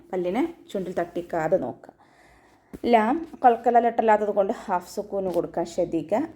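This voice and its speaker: A woman teaching Quran recitation in an online tajweed lesson, giving steady step-by-step instruction and often ending with a gentle check-in. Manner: breaks into slow, high, sustained chanting for verse examples.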